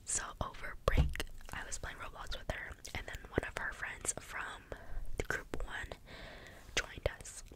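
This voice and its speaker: A young adult speaks in a soft, breathy ASMR whisper, rambling casually through everyday stories and drifting into tangents. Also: unhurried. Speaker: ASMR video creator.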